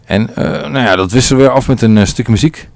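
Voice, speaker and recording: A man's voice: medium pitch, fast, a little mellow, dry recording. A man, casually presenting as a podcast host and introducing music.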